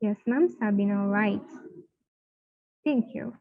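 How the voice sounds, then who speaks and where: A Bengali-speaking English teacher runs a pronunciation drill in an online live class, slow and encouraging, repeating words for practice and mixing Bengali with English. Her medium-pitched voice comes through a video call with phone-quality sound and no room sound.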